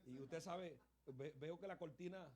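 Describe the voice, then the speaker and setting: A man from Venezuela, preaching a sermon in an animated storytelling style, often calling out "hermano" and "pastor". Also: a little high, measured pace. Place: church.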